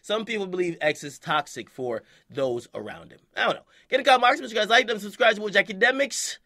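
A young man giving casual hip-hop news commentary, animated and slangy with profanity, often tacking on "okay?". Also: high voice, quick pace.

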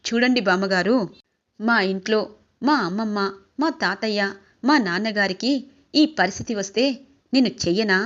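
A woman's voice: mid-range voice, moderate pace, pauses often, natural voice. Kind young woman teacher, read by a female narrator, polite, lo-fi sound. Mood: earnest. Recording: dull lo-fi recording.

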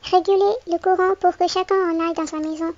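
A woman reads a children's picture book aloud, with a very high, light voice. She tells it clearly and expressively, as if to a small child. The recording sounds dull and lo-fi. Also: steady tone, brisk, a little mellow. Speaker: storybook reader.

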